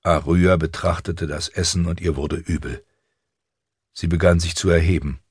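Male audiobook narrator, very low husky voice, dry studio sound. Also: dry recording. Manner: measured, even storytelling. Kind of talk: scripted narration. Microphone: studio microphone.

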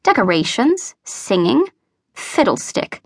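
A woman's voice: medium pitch, sing-song, normal speed, a bit bright, dry recording, clean studio sound. A woman playing a scornful old spinster. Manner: curt, scornful. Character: disagreeable old spinster, sharp-tongued woman.

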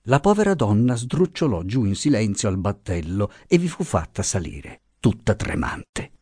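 A man narrating a classic novel as an audiobook, reading in an expressive, theatrical way. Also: fairly low pitch, moderate pace, breathy edge, no room sound, studio quality. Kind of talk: scripted literary narration.

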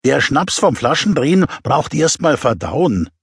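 Narrator doing a wasted college guy, slow and sluggish, husky, dry studio. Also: fairly high pitch, big pitch swings, no echo, exaggerated voice. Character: drunk, laid-back young male student.

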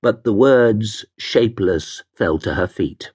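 Husky, slow male audiobook narrator. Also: fairly low pitch. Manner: measured, expressive reading. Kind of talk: scripted narration.

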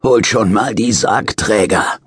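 A man putting on a dying old convict in an audiobook, his voice hoarse and rasping, husky and breathy. He drags his words out slowly, wheedling and cursing by turns, bitter and defiant to the end. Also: lowish voice, dry recording, voice pushed up, full character voice. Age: older.

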